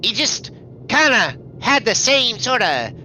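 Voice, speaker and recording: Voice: mid-range voice, big pitch swings, takes it slowly, bright, forceful tone, a little hiss or hum, exaggerated voice. A game master voicing an eager, bumbling, condescending young man who stammers and apologizes in a tabletop game. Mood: eager, apologetic. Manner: stammering, flustered, over-apologetic. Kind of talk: tabletop role-play character voice.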